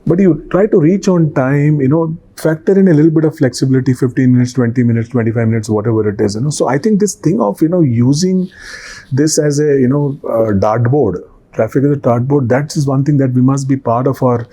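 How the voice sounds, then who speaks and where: A man's voice: mid-range voice, fairly quick, dark tone, husky. A man with an Indian accent hosting a podcast discussion, giving opinions with emphatic repetition and frequent filler phrases. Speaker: podcast host.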